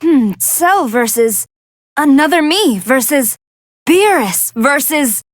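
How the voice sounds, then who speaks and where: A woman's voice: high-pitched, lively intonation, slow pace, no room sound, clean studio sound. A woman voicing a brainy female android scientist who gives articulate, analytical commentary on battles in a video game. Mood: announcing. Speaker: fight commentator.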